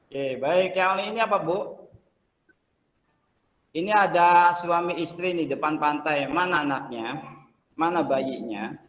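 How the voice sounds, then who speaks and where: A male teacher talks to his class in a loose, chatty way, dropping fillers as he tells a story. His voice sits slightly high. A long reverb from the classroom trails his words. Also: unhurried, long pauses, fairly bright tone.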